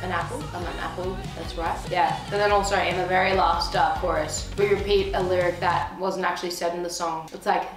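A woman's voice: on the low side, steady tone, fairly quick, hardly any pauses, some chatter behind. A woman in her twenties, hungover, chatting casually and playfully in slang with bursts of exclamation while she eats on camera. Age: 20s. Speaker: singer-songwriter discussing own song. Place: indoor studio set with backdrop. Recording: echoey room, music behind.

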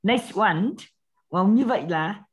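A woman's voice: mid-range voice, animated, unhurried, a little hiss or hum. A woman with a Vietnamese accent teaching an English lesson, explaining step by step and often checking with her students. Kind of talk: classroom lesson.

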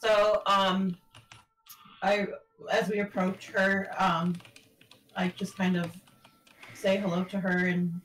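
A woman's voice: mid-range voice, level tone, slow pace, pauses often, a bit bright, slight background noise, low-quality recording. A woman playing a tabletop game, describing her moves casually and hesitantly as she thinks aloud. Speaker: player.

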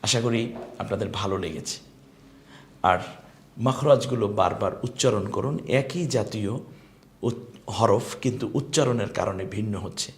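A middle-aged man teaching an online Quran class, explaining pronunciation and repeating letter sounds slowly and with emphasis. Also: on the low side.

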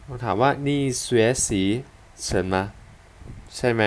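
A man with a Thai accent teaching a language lesson, patiently repeating and breaking down example sentences. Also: slow.

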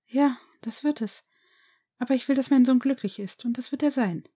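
A woman reading aloud as a gentle, caring noble mother in a fan-fiction audiobook, speaking softly and reassuringly. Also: sits high, normal speed, slightly rough, voice pushed up. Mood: tender.

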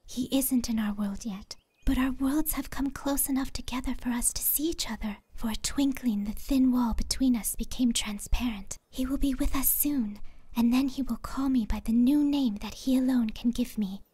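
A woman as a breathy, whispering childlike empress. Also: sits high, moderate pace, dark tone. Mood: serene. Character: serene, childlike, otherworldly empress of a fantasy realm. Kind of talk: fantasy audiobook character dialogue.

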